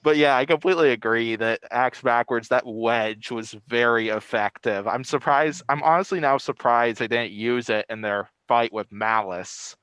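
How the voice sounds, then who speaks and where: A man's voice: medium pitch, moderate pace, hardly any pauses, fairly bright tone, clean tone, no echo, low-quality recording. A man speaking through a face mask as he hosts a casual video recap, rambling a little and repeating phrases. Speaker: host.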